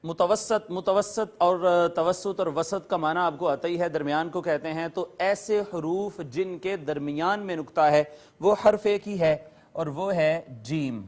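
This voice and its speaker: A man teaching a Quran course, patiently explaining letters and recitation rules, addressing viewers politely and repeating key terms with their meanings. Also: on the high side.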